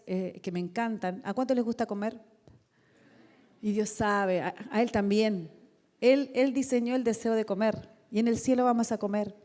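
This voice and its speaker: Middle-aged woman preaching, mellow voice, lots of questions, long hall echo. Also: mid-range voice. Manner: conversational, many rhetorical questions and acted-out quotes. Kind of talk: sermon. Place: church hall. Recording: long reverb of a large hall.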